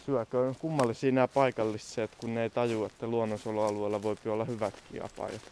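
A man's voice: fairly low pitch, little pitch movement, darkish tone, slight background noise. A young man talking casually outdoors in a forest, joking in a mock-dramatic nature-guide manner as he films his walk. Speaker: vlogger. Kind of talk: casual outdoor vlog commentary.

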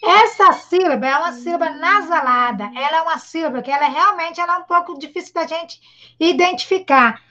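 Brazilian female teacher, high-pitched, patient and encouraging, syllable-by-syllable reading lesson, muffled video-call sound. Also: a little fast, bright, forceful tone. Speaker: primary school teacher. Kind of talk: online literacy lesson for a child. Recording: dull lo-fi video call audio.

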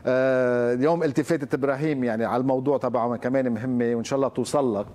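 A Lebanese man hosts a morning TV segment, his talk quick and loose. He jokes and teases his guest in relaxed banter at an average pitch for a man. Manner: joking, teasing. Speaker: morning show host. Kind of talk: casual TV chat.

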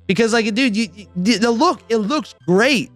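A man hosting a casual roundtable chat, rambling and excitable, full of filler words. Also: high-pitched, moderate pace, faint music behind. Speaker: podcast host.

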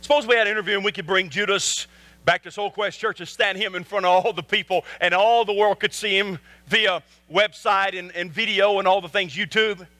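High-voiced, bright emphatic preacher man. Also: steady tone, fairly quick, no echo. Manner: emphatic preaching with repeated rhetorical questions; swings from soft asides to loud high peaks. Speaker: pastor. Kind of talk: sermon.

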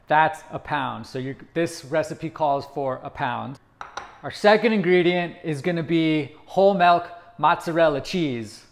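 A man in his thirties hosting a home cooking demonstration, explaining each step to the camera in an upbeat way, recorded in a kitchen. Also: fairly high pitch. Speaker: cooking video host.

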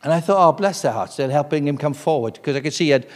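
Male preacher in his sixties, fairly high voice, church reverb; sermon with urgent swells and quiet asides. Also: animated, fast. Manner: swings from loud urgent emphasis to hushed intimate tones. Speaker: guest preacher.

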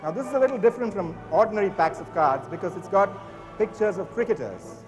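Talking fast with lively intonation, a high-voiced young man instructs the crowd through playful, flashy magic-show patter like a children's party magician. The setting is a large auditorium stage in front of an audience, captured in an echoey hall with long reverb and faint music.

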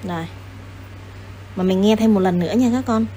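A woman explains a children's English lesson. She is patient and coaxing, repeating words and spelling them out syllable by syllable. Her voice sits at a middle pitch over a faint background hiss. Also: moderate pace, dark tone.

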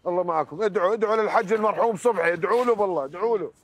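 A man's voice: high-pitched, very fast. A man with a Jordanian Arabic accent acting in a comedy sketch, calling out in a hurry. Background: music.

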